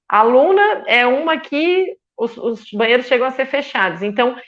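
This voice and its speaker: A woman's voice: lowish voice, lo-fi sound. A Brazilian woman in her fifties, a feminist union leader speaking as a panel guest, emphatic and indignant, repeating words for force. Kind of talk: impassioned panel discussion.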